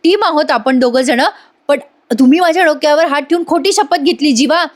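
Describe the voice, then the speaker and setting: A woman's voice: high voice, a little fast, pitched above the performer's own voice, lightly acted. A woman voicing a young wife who pleads urgently with her husband while retelling a TV serial. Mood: pleading.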